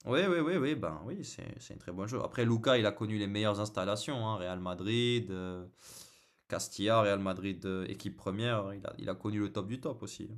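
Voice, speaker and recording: Guy on a football live stream, kinda low voice, lots of euh and repeats, jokes with chat. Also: moderate pace. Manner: hesitant, many fillers and repeated words; joking, casual banter with viewers. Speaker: football channel host.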